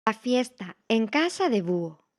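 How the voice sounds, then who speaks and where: A woman reading a children's picture book aloud in a slow, expressive, playful way. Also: on the high side. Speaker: storyteller.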